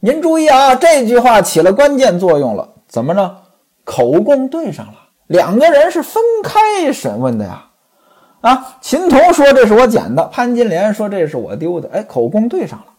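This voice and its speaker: A woman telling a traditional story aloud, lively and speaking directly to her listeners. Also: mid-range voice, normal speed, husky.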